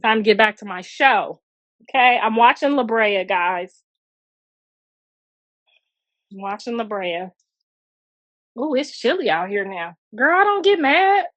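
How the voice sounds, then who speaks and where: A middle-aged mother livestreams outdoors from her phone, chatting bluntly with viewers and calling them girl and honey in a casual rant. Her voice sits at medium pitch with a fairly bright tone.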